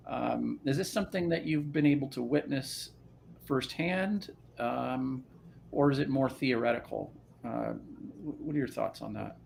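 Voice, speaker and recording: Gravelly-voiced male podcast host. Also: medium pitch, slight background noise. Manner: halting, searching for words as he frames questions. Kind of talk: casual interview chat.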